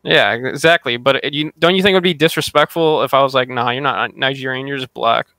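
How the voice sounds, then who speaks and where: A man's voice: medium pitch, quick pace, bright, forceful tone, dry recording. A man on a casual podcast, talking bluntly and swearing a lot.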